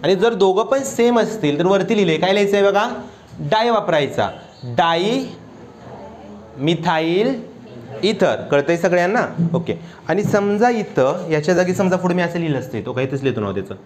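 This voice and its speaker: A man's voice: high-pitched, lively intonation. A male chemistry teacher giving a classroom lecture, constantly firing questions at his students and urging them to answer aloud. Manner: keeps quizzing students with quick questions.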